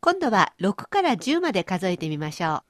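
A woman's voice: mid-range voice, sing-song, moderate pace, fairly bright tone, dry recording, studio quality. A woman hosting a language lesson, explaining pronunciation with playful everyday images. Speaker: language teacher and host. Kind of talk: radio-style language lesson.

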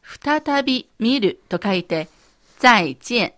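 Slow, careful woman modeling pronunciation. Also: a little high, animated. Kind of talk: radio language lesson.

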